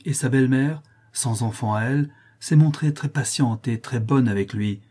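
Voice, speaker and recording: An earnest, anxious young woman who explains herself with care, as a male audiobook reader puts her on, pitched higher than his own voice. The tone is warm and dark, with a husky edge. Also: moderate pace, lightly acted. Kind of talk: audiobook character voice.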